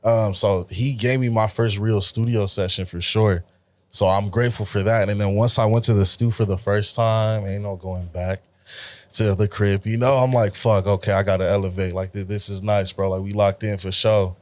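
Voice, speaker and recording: A young man from the Los Angeles area, a rapper, telling stories in a relaxed, slangy, profane way in a casual interview. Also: lowish voice, normal speed, no room sound. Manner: laid-back, slangy, profane storytelling. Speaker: rapper guest.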